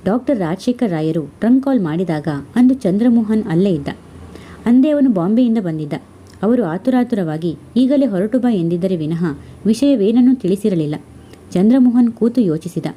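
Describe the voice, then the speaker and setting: A woman reading a story aloud in a steady, measured way. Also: medium pitch, breathy edge, dull audio. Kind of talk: scripted story narration.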